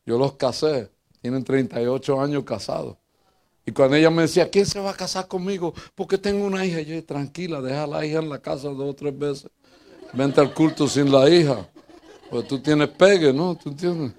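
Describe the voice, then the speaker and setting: An older man with a Puerto Rican accent, preaching in a church as pastor and telling funny personal stories, jumping between loud bursts and quiet asides. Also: normal speed. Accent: Puerto Rican Spanish. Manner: lively, joking storyteller who swings between loud bursts and low asides.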